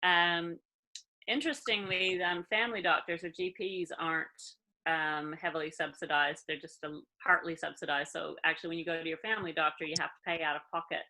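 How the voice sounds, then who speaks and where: A woman's voice: sits low, fairly even intonation, a little fast, sharp tone, rough recording. A woman with a Maritime Canadian accent, chatting casually as an interview guest. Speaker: interview guest, emergency doctor and musician.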